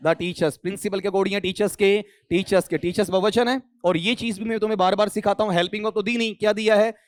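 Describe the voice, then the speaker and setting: A man's voice: sits high, fairly even intonation, fast. A man teaching English grammar for exams, speaking mixed with English terms and quizzing students with questions. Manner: mixes Hindi with English terms. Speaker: English teacher for exam prep. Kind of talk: online exam coaching lecture.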